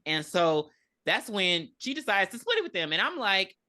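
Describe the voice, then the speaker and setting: A woman's voice: mid-range voice, normal speed. A woman in her thirties recapping a movie in casual, profane podcast chat, acting out the characters' lines as she goes. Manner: animated storytelling with acted-out quotes.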